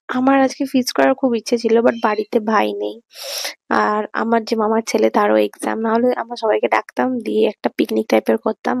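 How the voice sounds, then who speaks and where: A woman giving a chatty voice-over for her vlog, her throat a little hoarse this morning, mixing in English words. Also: a little high, a little mellow, no room sound. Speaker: vlogger. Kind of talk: casual voice-over narration. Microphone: voice-over mic.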